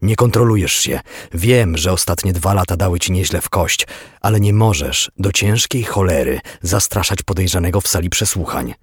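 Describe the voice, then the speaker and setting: A stern police lieutenant dressing down his detective, loud and forceful, with a husky, dry edge as a man acts him out. He is exasperated throughout this crime audiobook. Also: deep voice, moderate pace, no echo. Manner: scolding, forceful.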